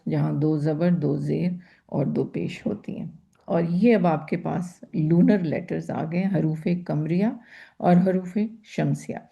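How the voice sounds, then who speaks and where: A woman's voice: lowish voice, creaky, mellow, muffled recording. A woman teaching a grammar class, patiently repeating terms and asking her students rhetorical questions. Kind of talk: grammar lecture.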